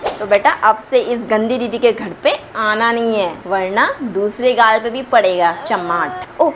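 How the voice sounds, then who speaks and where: A young woman performing a comedy sketch, sassy and animated, scolding in a noisy home recording. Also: a little high, measured pace. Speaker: comedy creator.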